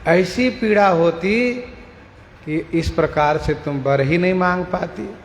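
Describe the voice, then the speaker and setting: A man giving a devotional scripture discourse, explaining verses slowly and repeating lines for emphasis. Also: high voice. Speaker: scripture expounder. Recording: echoey hall with long reverb and faint noise.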